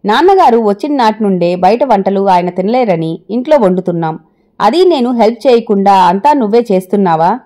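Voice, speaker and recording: A woman's voice: mid-range voice, lively intonation, fairly quick, dark tone, lightly acted. A woman voicing a proud young husband in a family quarrel, talking sharply and reproachfully. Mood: resentful.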